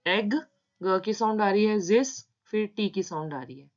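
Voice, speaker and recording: A woman's voice: medium pitch, lively intonation. A woman teaching shorthand in a tutorial, patiently breaking words into their sounds. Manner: slow, patient, spelling out sounds. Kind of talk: step-by-step tutorial explanation. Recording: dull lo-fi sound.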